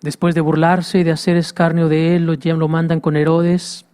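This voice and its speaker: A man's voice: a little high, flat delivery, normal speed, darkish tone, smooth. A man preaching a sermon with passion, repeating phrases and speaking straight to the listener. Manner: impassioned, repetitive, addresses listener directly.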